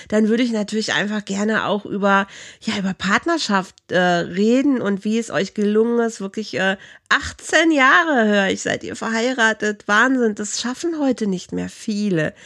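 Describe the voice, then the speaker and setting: A woman's voice: mid-range voice, normal speed, a bit bright. Chatty woman hosting a podcast. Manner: chatty, laughs often. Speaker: podcast host. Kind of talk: casual interview talk.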